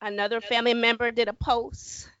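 A woman's voice: fairly high pitch, level tone, a little fast, fairly bright tone, clean tone, no room sound, dull audio. A woman co-hosting a podcast in casual chat, needling and arguing her point. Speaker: podcast co-host.

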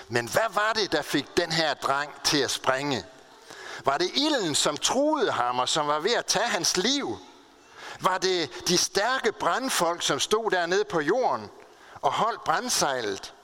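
Lively, bright-voiced male pastor preaching. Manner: earnest storytelling with emphatic pitch swings. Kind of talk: sermon.

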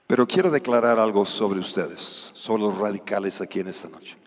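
A male pastor preaching a charismatic sermon, surging loud and dropping quiet. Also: fairly low pitch, normal speed. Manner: preaches with sudden loud surges and quiet drops. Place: church hall. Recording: long hall reverb.

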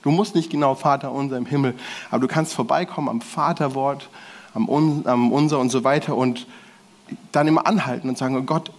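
A man's voice: medium pitch, steady tone, fairly quick. A man preaching a casual sermon to a gathered audience, in slangy everyday speech with restarts and self-corrections. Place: church hall with audience.

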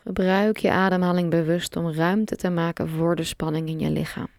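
Calm woman guiding a meditation. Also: on the low side, dry recording, clean studio sound. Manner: slow, calm, soft instructions with long pauses. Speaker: meditation guide. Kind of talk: guided relaxation meditation.

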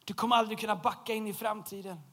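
High-voiced animated male preacher. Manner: animated storytelling, shouting punchlines. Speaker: pastor. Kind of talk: humorous sermon. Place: large church hall.

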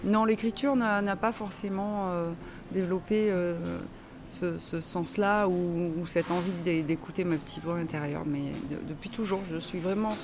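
A woman's voice: fairly low pitch, fairly even intonation, normal speed, background noise. A woman interviewed about her writing, speaking hesitantly with many restarts. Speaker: guest author. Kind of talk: casual interview.

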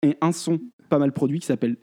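A man's voice: a little high, fast, dark tone. A man co-hosting a casual chat, talking with many hesitations and restarts. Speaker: podcast co-host.

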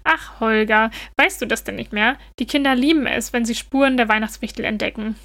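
A woman's voice: on the high side, a little fast, a bit bright. Woman doing Julius, a boastful little elf. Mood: breezy. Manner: boastful, breezy. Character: cheerful young male Christmas elf, clever schemer.

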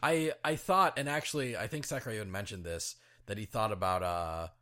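A man's voice: on the low side, fairly quick, bright, forceful tone. A man co-hosting a casual podcast, talking in a rambling way with many fillers and restarts, and laughing easily. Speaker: podcast co-host.

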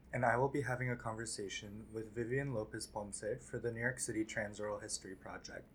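A man conducting an oral history interview, introducing it and asking gentle questions. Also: mid-range voice, a little hiss or hum, low-quality recording. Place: library office.

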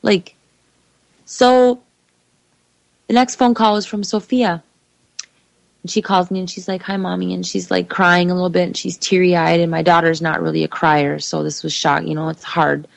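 A woman's voice: lowish voice, level tone, moderate pace, gravelly, long pauses, no echo, low-quality recording. A woman telling her own story in an urgent, emphatic monologue, speaking straight to her listeners. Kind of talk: personal testimony monologue.

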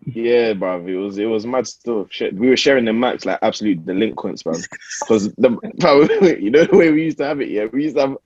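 A man's voice: on the low side, expressive, fairly quick, a little mellow, no room sound, dull audio. A young man with a London roadman accent, co-hosting a podcast in casual, slangy banter with friends. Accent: London roadman, multicultural London English. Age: young adult. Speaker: podcast co-host.

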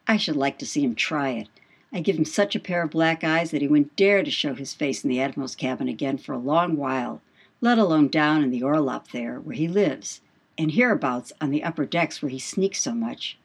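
A woman with a deep, slightly rough voice speaks fairly quickly, playing a brash, boastful male whaling mate spinning devil yarns in a dramatised audiobook. The character's speech is salty and swaggering, full of emphatic questions, with a defiant, boastful mood.

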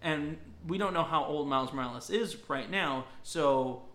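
A man's voice: fairly high pitch, normal speed, fairly bright tone. A man co-hosting a podcast, casually explaining fan trivia with frequent uh fillers, recorded in an echoey room. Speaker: podcast co-host. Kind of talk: casual movie review chat.

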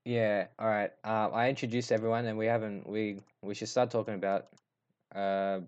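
A man's voice: lowish voice, little pitch movement, normal speed, a little mellow, smooth, lo-fi sound. A young Australian man hosting a casual group podcast over a voice call, laid-back and stumbling over his words as he laughs along. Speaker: podcast host.

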